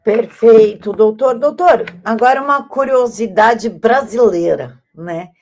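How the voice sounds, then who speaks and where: A woman's voice: on the high side, measured pace, a little mellow. A woman interviewer asking long, emphatic, opinionated questions.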